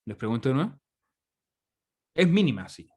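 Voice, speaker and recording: A man's voice: medium pitch, big pitch swings, moderate pace. A man from Chile, teaching an online English class in Spanish, often checking in with students. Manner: chatty, asks students questions often. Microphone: computer microphone on a video call.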